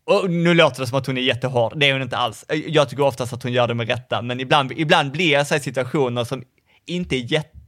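Podcast guy, casual chat, mid-pitched, acts out what he said back then. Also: a bit bright, no echo, studio quality. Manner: chatty, acts out his own past remarks. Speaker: podcast co-host.

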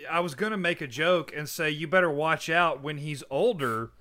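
Giggly man with a higher, bright voice. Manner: giggly, quick to laugh and tease. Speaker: podcast co-host. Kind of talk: casual chat.

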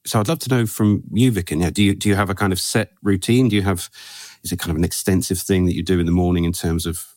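Deep-voiced male podcast host. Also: fairly even intonation, fast, darkish tone, no echo, clean studio sound. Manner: friendly, hesitant questions with fillers. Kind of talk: casual podcast interview.

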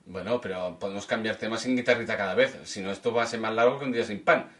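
A man's voice: fairly low pitch, quick pace, fairly bright tone. Bantering man co-hosting a beer podcast. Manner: teasing banter, jokes about stumbling over words. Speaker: podcast co-host. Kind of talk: casual chat over beers.

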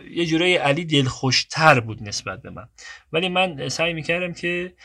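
A man's voice: on the high side, animated, sharp tone. A man telling a long personal story in a casual, digressive way, often cutting himself off and moving on.

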